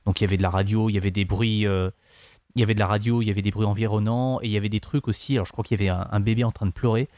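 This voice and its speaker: A man's voice: fairly low pitch, fairly even intonation, rapid-fire, a little mellow, no echo. A man discussing films casually as a panelist, often searching for his words. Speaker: podcast panelist.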